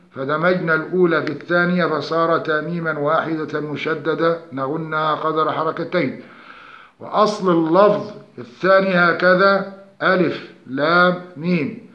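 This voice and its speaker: A male Quran recitation teacher giving a scripted tajweed lesson, laying out rules point by point in a methodical way. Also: a little high. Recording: roomy, dull lo-fi recording.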